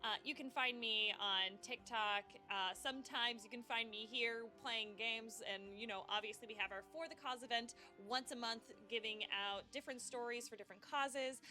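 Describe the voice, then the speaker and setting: A woman's voice: on the high side, pushed and bright. A woman hosting as game facilitator, wrapping up a tabletop game in an upbeat, playful, chatty way. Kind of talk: wrap-up of an actual-play game.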